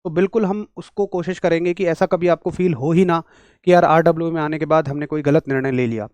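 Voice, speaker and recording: In this online physics lesson, a male teacher talks to his students with energy and plenty of chatter. He has a rural Hindi accent, a sore throat, and a slightly high voice, and he speaks fast; the audio is dull but has no echo.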